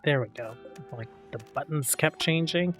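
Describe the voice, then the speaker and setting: A man's voice: a little high, moderate pace, soft background music. Man casually narrating a strategy game. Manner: relaxed thinking aloud with fillers. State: hiccups. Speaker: gaming channel host. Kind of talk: let's play commentary.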